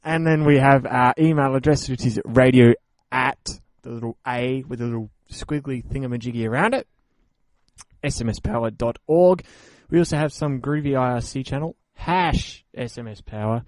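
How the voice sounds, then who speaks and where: A man's voice: medium pitch, moderate pace, hardly any pauses, no room sound. A man hosting an online radio show, signing off in a playful, rambling, joking way. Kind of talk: casual show sign-off chat.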